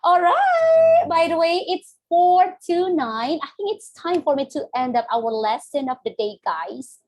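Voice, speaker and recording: High-voiced, slow-paced woman teaching English. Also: a little mellow. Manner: mixes Indonesian and English, playful, laughs often. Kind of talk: live online class.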